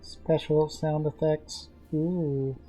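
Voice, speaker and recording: A man's voice: fairly high pitch, little pitch movement, very slow, dark tone, soft background music. A man playing a game, talking into a cup for a playful sound effect, so his voice comes out muffled and hollow. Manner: playful, amused. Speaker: gamer reading game dialogue aloud. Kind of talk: casual playthrough chat.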